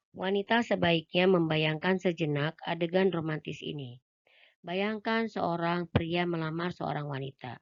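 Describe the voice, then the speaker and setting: Woman narrating an audiobook, calm even read, kinda dull dry recording, no room echo. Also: fairly low pitch. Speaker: audiobook reader.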